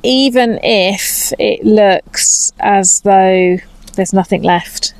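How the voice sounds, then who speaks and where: A woman's voice: medium pitch, drawn-out words, no echo, low-quality recording. Chatty English woman gardening outdoors. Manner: chatty, slightly anxious, talks while working. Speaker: vlogger. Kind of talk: casual garden vlog. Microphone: lapel mic.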